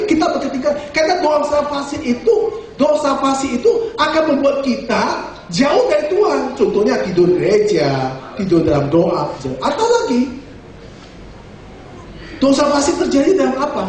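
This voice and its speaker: A male pastor giving a lively, joking sermon full of rhetorical questions. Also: very high voice, heavy reverb, far from the mic, slight background noise. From Indonesia.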